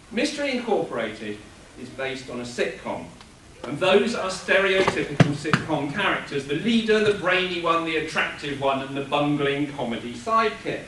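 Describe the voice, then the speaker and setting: A man giving an animated, explanatory panel talk at a convention, chuckling now and then. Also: on the high side, a little hiss or hum. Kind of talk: lecture-style panel talk. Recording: echoey room from a distance.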